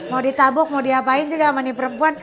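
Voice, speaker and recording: A woman hosting a casual interview chat, teasing her guest with quick reactions and frequent laughter. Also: high voice, fairly even intonation, a crowd in the background. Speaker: host.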